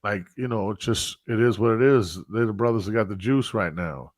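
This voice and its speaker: A man hosting a podcast in casual chat, lively, often cutting in and repeating himself. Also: fairly low pitch, fairly quick, no echo, clean studio sound. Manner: animated, interrupts and repeats himself. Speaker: podcast host. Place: live stream studio.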